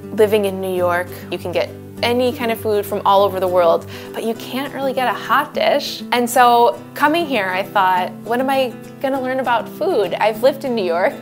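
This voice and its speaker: A woman in her twenties, a food blogger giving an interview in her home kitchen, talking in a bubbly, animated way. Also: medium pitch. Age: 20s. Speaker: food blogger and cookbook author.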